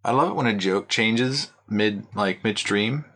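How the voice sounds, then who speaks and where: A man's voice: lowish voice, measured pace, fairly bright tone. A man co-hosting a podcast in casual chat, musing hesitantly and filling his talk with "like". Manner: musing, hesitant, many "like" fillers. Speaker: podcast co-host.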